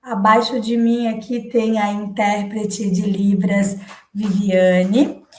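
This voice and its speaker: A Brazilian woman giving a teacher training talk, speaking slowly and pausing on purpose, with fillers and restarts. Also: mid-range voice, little pitch movement, darkish tone, a little hiss or hum. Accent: Brazilian Portuguese. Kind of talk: educational talk. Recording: echoey room.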